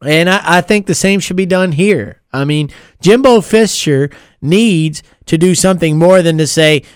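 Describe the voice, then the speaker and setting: A man's voice: on the high side, a little slow, clear, resonant tone, no echo, studio quality. A man co-hosting a casual sports talk show, laughing often as he gives his opinions.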